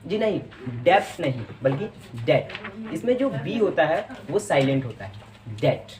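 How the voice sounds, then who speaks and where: A man teaching English pronunciation in Hindi, explaining each word patiently and repeating it slowly. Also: on the high side, big pitch swings. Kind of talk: explaining lesson to camera.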